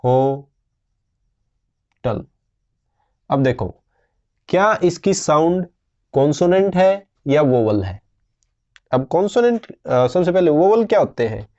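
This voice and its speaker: A man teaching a grammar lesson at an unhurried, patient pace. He asks his class questions and answers them himself. His voice is mellow and comes through a somewhat dull, lo-fi recording. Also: on the high side, expressive. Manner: slow, patient explaining with frequent questions to students.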